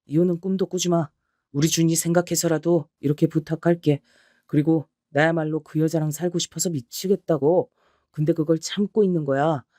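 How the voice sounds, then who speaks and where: A man playing a cheating middle-aged husband who confesses in a calm, matter-of-fact way, for an audio story. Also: a little high, a little fast, dry recording, studio quality, lightly acted. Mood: unapologetic. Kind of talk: audio drama reading.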